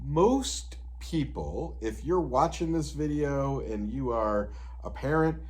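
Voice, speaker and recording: A middle-pitched man in his fifties talks through practical advice as an advocate. His explanations are steady and conversational, dotted with "you know" and "right?". He sounds like a guest patiently walking someone through the options. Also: slow pace. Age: 50s.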